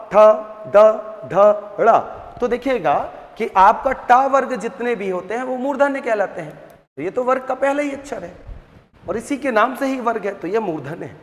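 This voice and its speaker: A high-voiced male teacher running an exam-prep grammar lesson, posing questions and answering them himself. He sounds out the letters one by one, and his voice trails off into a long echo.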